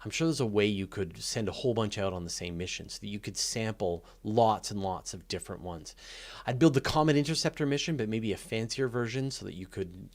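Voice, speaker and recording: A man with a fairly low voice hosts a live Q&A on space and astronomy, speaking fairly quickly and with animation. He talks casually and unscripted, thinking aloud in a keen, conversational way.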